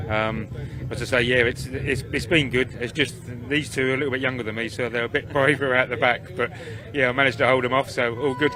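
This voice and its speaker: A man's voice: medium pitch, steady tone, a little fast, a crowd in the background. A man, out of breath after winning a race, talking modestly outdoors at the circuit. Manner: modest, laughing. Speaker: race winner. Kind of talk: post-race interview.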